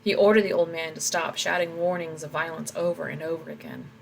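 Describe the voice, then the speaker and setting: Woman author reading and editing aloud, low voice, reflective, light background noise. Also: expressive, brisk, vocal fry, poor audio. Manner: reflective, talks through her edits. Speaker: author editing her own story. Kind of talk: reading aloud and commenting on edits.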